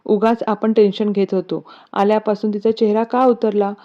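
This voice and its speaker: A woman voicing a calm, caring middle-aged mother who talks in a soothing, motherly way, on a dull lo-fi recording. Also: medium pitch, normal speed, close to an everyday voice.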